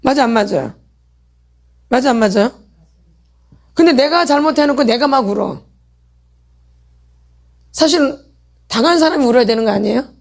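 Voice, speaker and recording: Her voice sits high, with lively intonation, vocal fry and frequent pauses, at normal speed. This middle-aged woman runs a church healing meeting as a call-and-response sermon lecture, posing questions to the crowd and then answering them herself.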